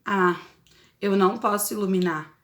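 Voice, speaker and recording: A woman voicing a small, gentle male snail in a children's storybook reading, speaking in slow, plaintive sighs. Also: mid-range voice, fairly even intonation, reverberant, pitched below the performer's own voice, lightly acted. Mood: wistful.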